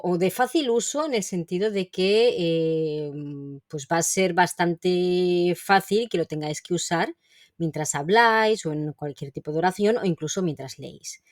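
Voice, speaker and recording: A woman teacher explaining grammar in an online lesson, clear and patient, saying example sentences slowly and carefully. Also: mid-range voice, no echo, studio quality. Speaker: Catalan language teacher.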